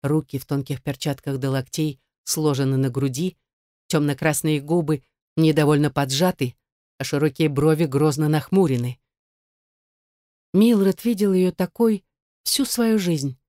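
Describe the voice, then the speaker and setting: A woman reading a fantasy audiobook as narrator, measured and expressive, on a close studio mic. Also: deep voice, no room sound. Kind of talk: scripted narration.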